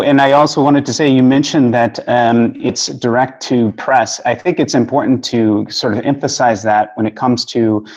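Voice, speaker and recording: A male host leads the tasting and puts questions to his guests, often pausing on "uh". His pitch is middling, and the sound is dull and lo-fi. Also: a little mellow. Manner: hesitant, many uh fillers. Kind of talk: hosting an online tasting.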